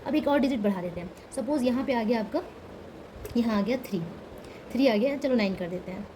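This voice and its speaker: A woman's voice: on the high side, a little fast, noisy background. A woman teaching a lesson, explaining step by step, asking questions and repeating key words, with English number words mixed into her speech.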